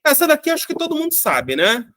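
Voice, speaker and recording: A man's voice: very high voice, wildly swooping pitch, fast, sharp tone, no room sound. A man from Brazil teaching a grammar lesson, explaining patiently and often checking in with "né?" and "tá?". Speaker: Portuguese teacher.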